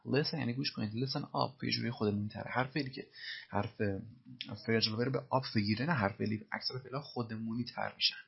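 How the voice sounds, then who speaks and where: A man teaching English, repeating film lines slowly and then explaining them in Persian. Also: medium pitch, steady tone, vocal fry, dull audio, noisy background.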